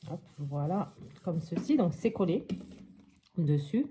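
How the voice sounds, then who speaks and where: A woman's voice: lowish voice, animated, takes it slowly, warm tone, a little hiss or hum. A woman hosting a casual step-by-step crafting tutorial at her craft table at home, chatting and thinking aloud with many little hops and voilàs.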